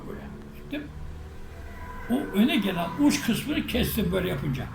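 A man, a spiritual teacher, recounting a personal story in an animated way and acting out the shouts and quotes in it. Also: high voice, moderate pace, vocal fry. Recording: echoey room with faint noise.

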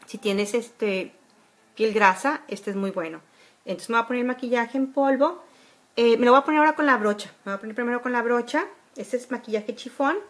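A woman's voice: fairly high pitch, a little fast. Chatty woman doing a makeup tutorial. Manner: chatty, homely, many fillers. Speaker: beauty vlogger. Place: bedroom at home. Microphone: phone camera at arm's length.

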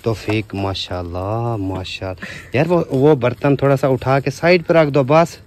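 Speaking unhurriedly in a medium-pitched, darkish voice, this Pakistani-accented man narrates a casual vlog from a village house, indoors and out. He jokingly bosses around the helpers as they shift things, and there's a slight hiss or hum on the recording.

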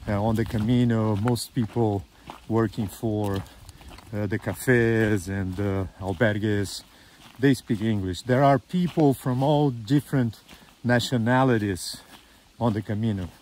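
A man in his fifties vlogging as he hikes a forest trail, talking slowly with many "uh" fillers, filmed on a phone held at arm's length. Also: on the low side, darkish tone, a little hiss or hum. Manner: slow and halting, many "uh" fillers. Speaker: hiking vlogger. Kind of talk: casual walking vlog. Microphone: phone camera held at arm's length.

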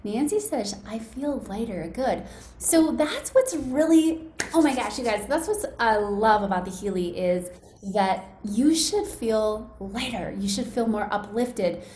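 A woman hosts a casual, encouraging live demo of a wellness device for an online group, chatting and speaking straight to her listeners, with enthusiasm and some calm guided relaxation. Her voice is a little high, expressive and darkish, and she doesn't hurry. The video call sounds roomy and echoing, with faint noise.

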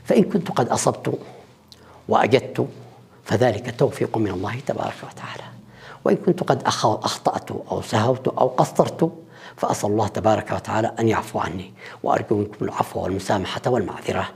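A man's voice: fairly low pitch, fast talker, gravelly, darkish tone, breathy edge. A man lecturing on grammar in an online course, explaining rules with examples and many fillers. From Sudan. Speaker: university lecturer.

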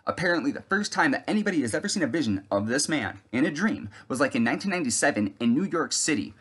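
A man's voice: fairly high pitch, big pitch swings, fast, husky. A man in his thirties giving a rambling, earnest religious testimony, with many fillers and restarts. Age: 30s. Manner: breaks off to shout at someone off camera. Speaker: video testifier.

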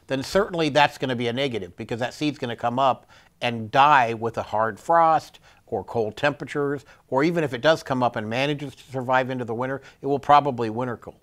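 Plain-spoken Midwestern man explaining lawn care. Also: medium pitch. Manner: plain-spoken, practical, explains step by step with restarts. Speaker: turfgrass specialist. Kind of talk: explanatory extension talk to camera. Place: indoor studio set. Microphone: lapel.

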